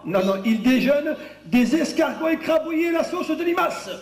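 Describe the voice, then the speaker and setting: A very high-voiced silly clown of a fisherman in a children's puppet comedy. He is clumsy and exclaims a lot, stammering when flustered. The sound is echoey and distant. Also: animated, normal speed. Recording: echoey room, distant microphone.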